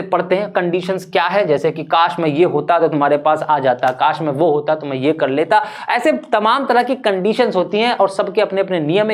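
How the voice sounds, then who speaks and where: Man teaching with lively rhetorical questions. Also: sits high. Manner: lively, asks rhetorical questions and answers them; mixes English terms into Hindi speech. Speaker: English teacher. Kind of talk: online class talk.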